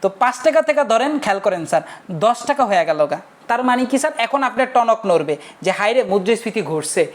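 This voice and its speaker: A young man with an extremely high, animated voice talks fast while giving a casual online lecture. He's chatty and keeps asking his students whether they've understood.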